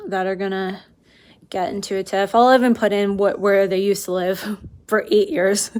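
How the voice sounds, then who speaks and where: A woman's voice: medium pitch, flat delivery, moderate pace, a little mellow. A woman vlogger explaining things in casual chat, rambling and interrupting herself. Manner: rambling, informal, self-interrupting.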